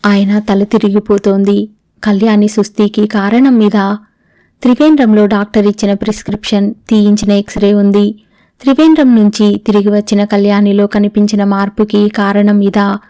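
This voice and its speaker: A woman narrating a novel as an audiobook in a steady, unhurried way. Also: mid-range voice.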